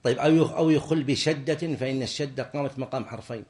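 Man teaching a deliberate lesson. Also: mid-range voice, darkish tone. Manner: deliberate explaining, quizzing students with quick questions. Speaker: sheikh teaching jurisprudence. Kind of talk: classroom lesson on Islamic law.

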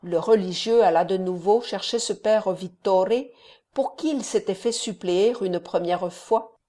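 In scripted audiobook narration of a classic novel, a woman with a medium-pitched voice reads in a measured, even storytelling style.

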